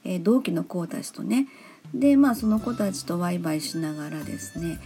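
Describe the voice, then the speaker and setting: A woman's voice: on the low side, animated, brisk, mellow, soft background music. A woman from Osaka with a Kansai accent, hosting a casual solo talk show in a polite, chatty way with many fillers. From Osaka, Japan. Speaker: podcast host.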